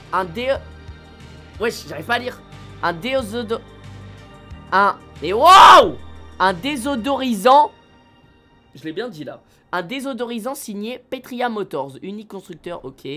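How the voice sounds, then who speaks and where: A man live-streaming a video game, excitable and slangy, talking straight to his chat. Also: high-pitched.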